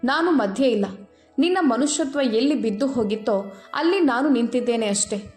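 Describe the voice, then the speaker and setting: A calm, wise old retired surgeon speaks in a quiet, measured, gently stern way, as a woman storyteller puts him on. His voice sits fairly high and rings in an echoey room over faint background music. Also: lightly acted.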